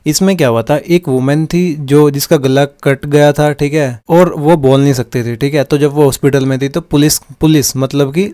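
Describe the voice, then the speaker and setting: A man's voice: fairly high pitch, fairly even intonation, moderate pace, hardly any pauses, mellow. A man teaching a law lesson, often checking understanding with "theek hai" and mixing English legal terms into his Hindi explanation. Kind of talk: explaining lecture with examples.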